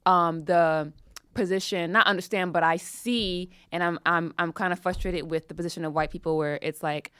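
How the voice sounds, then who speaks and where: A woman in a casual podcast discussion, halting and emphatic as she reasons aloud, repeating her words. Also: on the low side, steady tone, a bit bright, clear, resonant tone, no room sound, clean studio sound. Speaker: podcast panelist.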